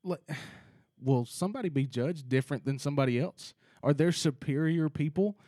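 A man's voice: a little high, normal speed, dark tone, dry recording, clean studio sound. A man hosting a casual faith discussion, earnest and thinking aloud with many restarts.

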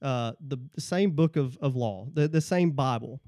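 With a warm, medium-pitched voice at a moderate pace, a man appears as a guest in a casual talk about the Bible. He lays out his ideas point by point, tagging lines with "okay?", and the studio-quality recording has no room sound.

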